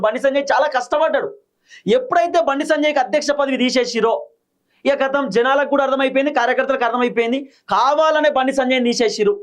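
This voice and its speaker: A man with a Telangana Telugu accent giving an emphatic political commentary monologue, repeating his points in short punchy phrases. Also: very high-pitched.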